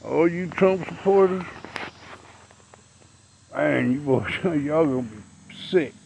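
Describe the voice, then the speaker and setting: Gravelly sixty-year-old man ranting outdoors. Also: fairly high pitch, lively intonation, takes it slowly, a little mellow, slight background noise, poor audio. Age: 60s. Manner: blunt, profane, preachy. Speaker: vlogger. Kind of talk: outdoor rant to camera.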